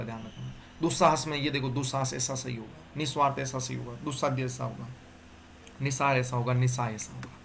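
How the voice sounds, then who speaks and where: A man's voice: mid-range voice, fairly bright tone, a little hiss or hum. A man giving an exam-prep Hindi grammar lecture, explaining step by step and often checking in with the class. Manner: explains step by step with repeated "dekho" and "theek hai".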